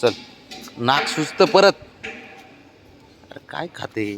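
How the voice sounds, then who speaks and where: A young man outdoors talking to his pet cat in doting baby talk, coaxing it along and scolding it gently. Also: a little high, lively intonation, slow, gravelly, a little hiss or hum. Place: outdoors, in sun and shade.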